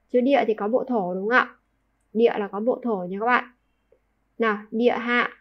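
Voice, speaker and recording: A woman's voice: fairly high pitch, highs cut off. A young woman teaching a kanji lesson, patiently repeating each word and asking the class to confirm. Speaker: Japanese teacher.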